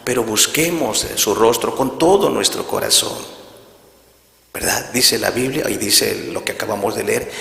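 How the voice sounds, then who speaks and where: A preacher delivers a sermon in a gravelly, bright voice, often turning to his flock with a questioning aside. He acts out scripture scenes as he goes. The recording carries a long reverb from a large hall. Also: on the low side, a little slow. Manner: repeats "brothers" and "right?" often, acts out Bible scenes. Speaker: minister.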